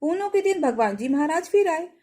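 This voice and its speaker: Woman storyteller for a devotional tale, high animated voice, mellow tone, homely plain delivery. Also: a little fast. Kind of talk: devotional folk tale narration.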